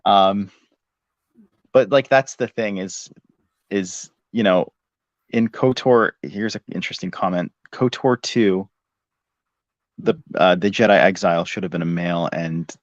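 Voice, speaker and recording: Man, very deep voice, hesitant casual chat, dry dull lo-fi sound. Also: measured pace, long pauses, no room sound. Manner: hesitant, lots of fillers.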